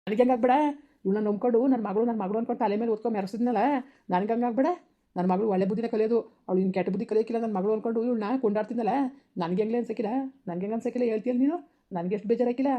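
A woman voicing an angry village father who shouts and curses at his daughter in a harsh, bitter way. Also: on the high side, fairly even intonation, rapid-fire, close to an everyday voice. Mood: raging. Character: furious village father, harsh and cursing, man. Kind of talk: village family drama acting. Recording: dull lo-fi recording.

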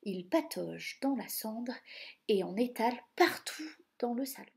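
A woman voicing two spiteful, jealous stepsisters with shrill, shrieking outbursts in a read-aloud storybook. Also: lively intonation, a little slow, vocal fry, a little mellow.

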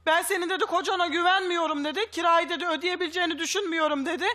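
Female guest, very high and bright, fast, defensive and interrupting. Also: steady tone. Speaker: studio guest. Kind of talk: heated live argument.

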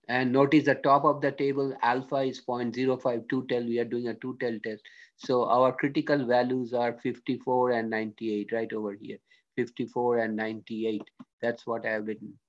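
A man teaching a statistics lesson as a screen-recorded voice-over, working through it step by step and often checking in with "okay?". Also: mid-range voice. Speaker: statistics lecturer. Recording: dull lo-fi screen-recorded audio.

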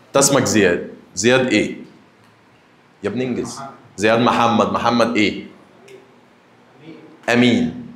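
A young man with an Egyptian Arabic accent, a math teacher giving a lively lesson and teasing his students directly. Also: on the low side, moderate pace, pauses often, echoey room.

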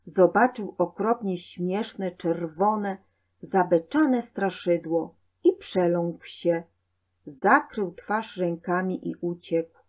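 A woman reading a children's story aloud in a clear, measured way. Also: lowish voice, a little mellow. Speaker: narrator.

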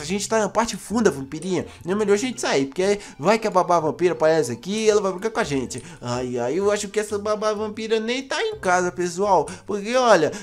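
A man narrating a playful Minecraft story, speaking animatedly in a childlike way with gasps and exclamations. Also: sits high. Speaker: gaming storyteller.

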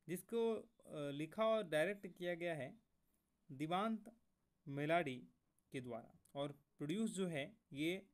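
A man hosting a movie review video, talking casually to viewers as friends and pausing now and then with fillers. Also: a little high. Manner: keeps addressing viewers as friends, halting with fillers. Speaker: movie review channel host.

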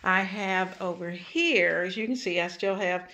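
This older cooking channel host has a lowish, bright voice with a forceful tone and a measured pace. In her home kitchen and dining room she chats casually, mixing homespun advice with thankful asides.

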